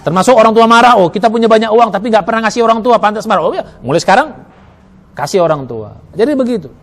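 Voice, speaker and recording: High-voiced male preacher, lively sermon. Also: quick pace. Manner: lively, acts out inner dialogue with many "oh" asides. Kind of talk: Ramadan sermon. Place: mosque.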